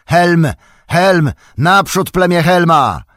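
A man doing a stern old warrior shouting orders. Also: mid-range voice, brisk, no echo, studio quality, pitched above the performer's own voice, close to an everyday voice. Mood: rallying. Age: older. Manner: shouting rallying cries, urgent.

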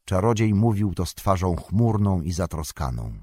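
A man with a low voice narrates an audiobook in a measured, even storytelling style. The studio sound is clean, without any echo.

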